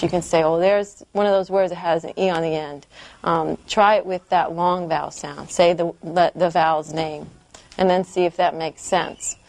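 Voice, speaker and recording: In a classroom phonics lesson, a woman whose voice is on the low side with a darkish tone patiently helps a small group of children learn to read, asking questions to check their understanding.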